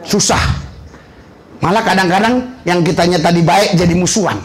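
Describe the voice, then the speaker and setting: A middle-aged Indonesian male pastor with a notably high voice delivers a sermon. He is animated, tells stories by acting out questions and answers, and peppers his talk with hallelujahs. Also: normal speed. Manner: animated, acts out dialogue with questions, frequent hallelujahs. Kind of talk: sermon with storytelling.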